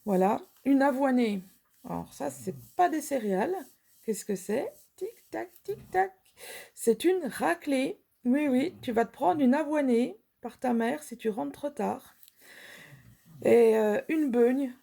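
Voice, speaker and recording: A woman's voice: sits high, measured pace, creaky. A woman in her forties from Franche-Comté with a marked Franc-Comtois accent, chatting casually as host of her own channel. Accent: Franc-Comtois French. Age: 40s. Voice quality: strong regional vowels on A and O. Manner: chatty and warm about her region, playful quizzes. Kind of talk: casual chat to camera.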